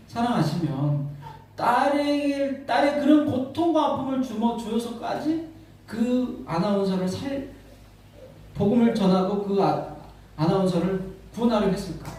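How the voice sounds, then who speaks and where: A man's voice: extremely high pitch, far from the mic. Man preaching in an echoey church hall. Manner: emotional storytelling, repeats words, swells loud on key lines. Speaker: pastor. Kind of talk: sermon. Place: church sanctuary.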